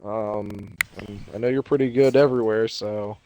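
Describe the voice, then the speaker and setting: A man's voice: lowish voice, normal speed, creaky, mellow, dull audio. A man hosting an esports racing stream, upbeat and loose, joking and swearing casually. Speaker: esports racing commentator, host. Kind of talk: casual broadcast commentary.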